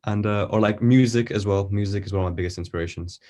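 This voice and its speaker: A man from Iran, an artist guest on a podcast, talking casually and thinking aloud with many pauses and fillers. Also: lowish voice, a little mellow.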